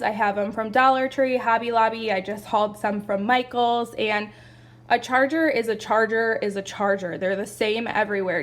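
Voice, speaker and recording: Young woman showing off her decor haul, all excited and chatty, kinda breathless. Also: mid-range voice. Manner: gushing, chatty, lots of "like" and "you guys". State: a bit out of breath. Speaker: home decor vlogger. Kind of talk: casual haul video.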